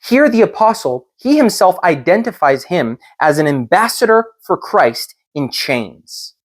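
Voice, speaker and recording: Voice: medium pitch, sing-song, a little slow. A preacher teaching a Bible lesson, reading and expounding in an emphatic, rhetorical way that builds through repetition.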